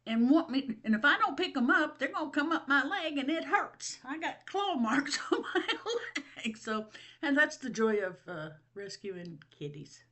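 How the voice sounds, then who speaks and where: A woman's voice: high voice, big pitch swings, moderate pace, sharp tone. Chatty older woman. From Ohio. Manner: rambling, chatty, laughs often, self-mocking. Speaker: vlog host. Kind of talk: casual chat to camera. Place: at home.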